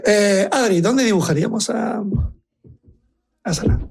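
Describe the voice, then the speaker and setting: A man's voice: high voice, measured pace, vocal fry, a little mellow, slightly rough. A man hosting a radio interview, joking and stammering over repeated words. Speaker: radio host. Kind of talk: lively radio interview chat. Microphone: studio microphone.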